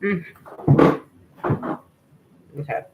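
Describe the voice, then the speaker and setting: A woman vlogging in a relaxed, rambling way, often interrupting herself and sounding a bit drowsy. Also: extremely slow, phone-quality sound, heavy background noise. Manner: chatty, rambling, self-interrupting; drowsy, easygoing. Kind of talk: casual spiritual vlog chat.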